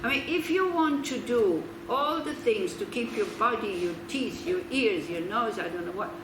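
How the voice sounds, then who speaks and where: A Buddhist nun from Switzerland speaks in an animated, somewhat high voice at a moderate pace. Her casual teaching talk is chatty, full of laughing asides and rhetorical questions. It's a roomy, distant recording with background noise.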